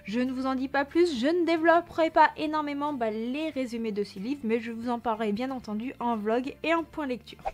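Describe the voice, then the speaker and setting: A woman's voice: high-pitched, a little fast, few pauses. A young woman presents her reading list in a chatty, enthusiastic vlog, with frequent fillers. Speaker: book vlogger. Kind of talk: casual book haul presentation.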